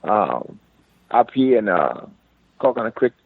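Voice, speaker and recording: Calling in as a fighter for a phone interview, a man from Cuba, a native Spanish speaker with a Cuban accent, pushes through insistent, repetitive, broken English. His fairly low voice is very animated yet unhurried, with a creaky, breathy edge. The line is dry and tinny.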